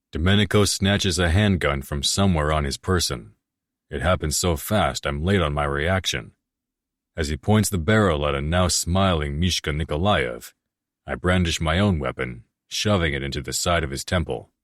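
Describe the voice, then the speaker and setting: A man narrating a romance audiobook in the first person, in a steady, measured reading. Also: a bass voice, no room sound, studio quality.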